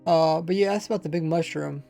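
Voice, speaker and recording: Fairly high and fairly quick, the man's dark voice has vocal fry and mostly even intonation as he chats on a Minecraft livestream. He rambles with somewhat mumbled, lazy pronunciation and a faint accent, faint music in the background.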